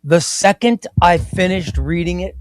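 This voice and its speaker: His voice is high-pitched and measured in pace as he, a man in his fifties, hosts a comic book livestream and casually, enthusiastically reads viewer comments, often repeating himself. The sound is dry and cleanly studio-recorded.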